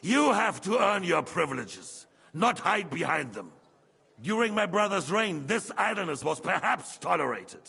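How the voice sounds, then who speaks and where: Medieval king, game drama. Commanding, embittered, mid-pitched with vocal fry. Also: a bit bright, exaggerated voice. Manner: haughty, formal, commanding. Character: imperious, embittered medieval king, scornful and calculating.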